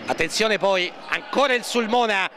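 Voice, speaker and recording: A man giving live futsal play-by-play, repeating players' names and lifting his voice excitedly at key moments. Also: high voice, normal speed. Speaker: match commentator. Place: indoor sports hall during a match. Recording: noisy sports hall ambience, bouncing balls.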